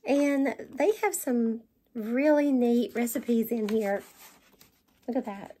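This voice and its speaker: A middle-aged woman with a Southern US accent, gushing excitedly as she shows off shopping finds to the camera at home. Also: on the high side, slow pace, breathy edge. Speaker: vlogger. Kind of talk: haul video chat. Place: home dining room, indoors.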